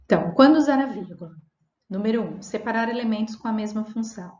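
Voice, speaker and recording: A woman teaching a recorded Portuguese grammar lesson. She reads example sentences out slowly, corrects herself, and keeps checking in with her students. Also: mid-range voice, expressive, darkish tone. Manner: dictates punctuation slowly, self-corrects, checks in with "tá?". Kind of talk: classroom video lesson. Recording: echoey room, dull lo-fi sound.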